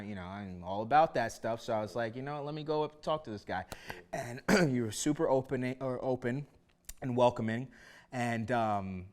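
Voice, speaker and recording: A man's voice: medium pitch, clean tone. A man from Harlem hosting a casual interview, easygoing and full of "you know" fillers. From New York City (Harlem). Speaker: podcast host.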